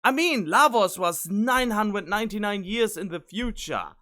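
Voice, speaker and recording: With a high-pitched, pushed and bright voice, a man reacts animatedly at a moderate pace to game cutscenes. He is puzzled and talks through his thoughts casually into a studio condenser microphone, with cutscene music underneath.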